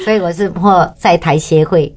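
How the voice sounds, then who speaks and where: Animated woman telling a faith story. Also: moderate pace, dry recording. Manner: lively storyteller, bursts into high excited pitch when reliving moments. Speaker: guest giving a testimony.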